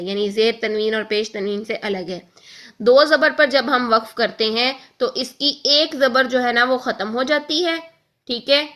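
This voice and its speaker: A woman teaching a recorded lesson on reading the Quran, explaining patiently and often checking in with the listener. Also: on the high side. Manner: draws out example syllables slowly and loudly.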